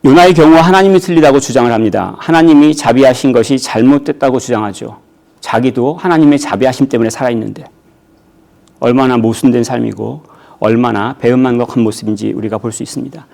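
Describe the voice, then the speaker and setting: Male pastor, mid-range voice, preaches in church with rhetorical questions and sudden loud jumps. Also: medium pitch, fairly quick, gravelly. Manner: rhetorical questions, voice jumping up when acting out quotes. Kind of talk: sermon.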